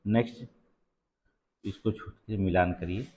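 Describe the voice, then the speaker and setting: A man with a fairly low-pitched voice teaches an exam-prep lesson at a measured pace, recorded lo-fi with background noise. He reads the quiz questions out loud and repeats the answers, checking in often with "theek hai."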